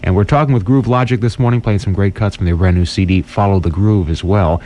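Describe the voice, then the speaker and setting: Hosting the morning slot, this radio DJ introduces smooth jazz and gives short information updates. He has an American accent and a dark-toned voice on the low side, and he talks fast.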